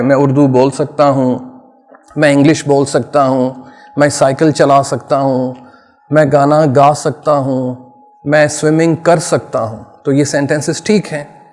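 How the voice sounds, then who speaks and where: A man's voice: fairly high pitch, a little mellow, in a large hall. A man from Pakistan teaching English grammar to children in Urdu, explaining earnestly and repeating points in a teacherly way.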